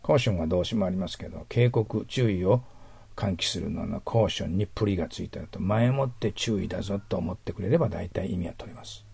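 This recorded vocabulary lesson features a Japanese man unpacking English words into their roots in sequence while asking rhetorical questions. His voice is low, husky and a little mellow, with vocal fry and a slightly fast pace; there's no room sound.

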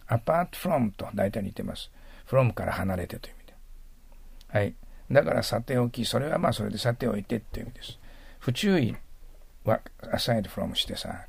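A middle-aged man with a gravelly, slightly husky low voice, teaching vocabulary in a patient, drilling way. He is recorded close and dry, with no room sound. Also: a little mellow, no echo. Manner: patient, drills pronunciation with repeated tag questions. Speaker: English teacher. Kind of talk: vocabulary lesson lecture.

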